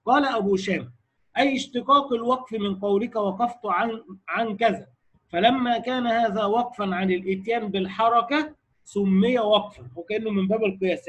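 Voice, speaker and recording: A man's voice: high-pitched, a bit bright, husky. A man with an Egyptian accent giving a classroom lecture on Quran recitation rules, quoting texts and asking his students checking questions. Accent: Egyptian Arabic. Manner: explains, quotes texts, then asks students checking questions. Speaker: teacher.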